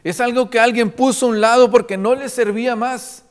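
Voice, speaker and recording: Male preacher, high-pitched, earnest sermon delivery, long church reverb. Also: steady tone, a little fast. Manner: earnest preaching, repeatedly addressing the congregation as brothers.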